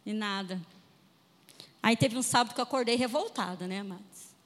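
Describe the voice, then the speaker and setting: A Brazilian woman preacher telling a funny personal testimony in an animated storytelling manner. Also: mid-range voice, normal speed, long reverb tail. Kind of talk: humorous sermon testimony.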